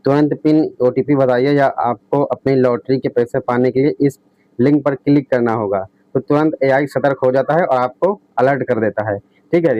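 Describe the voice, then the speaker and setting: A man hosting a tech video explains his topic by reading out points and restating them, repetitively adding checking tags. His voice is medium-pitched, with no echo, in a dull lo-fi close recording.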